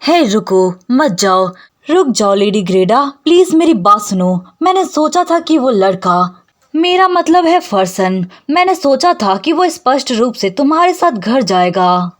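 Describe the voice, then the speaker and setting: A woman's voice: a little high, very animated, a little slow. A woman reading as an exasperated young villainess. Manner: sharp, irritated.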